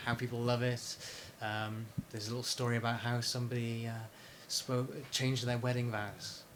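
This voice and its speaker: A man in a casual interview, talking about his research and book in a hesitant way, with many pauses and restarts. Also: medium pitch, noisy background. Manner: hesitant, lots of fillers and restarts. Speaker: interviewee, PhD researcher and author.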